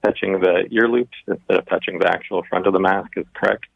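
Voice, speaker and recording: A man giving measured, explanatory answers as an expert interview guest, over a dull remote connection. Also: low voice, steady tone, creaky, husky, no room sound.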